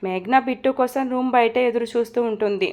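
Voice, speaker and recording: A woman storyteller reading a romantic serial story aloud in a steady, expressive narration. Her voice sits a little higher than most. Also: brisk, highs cut off.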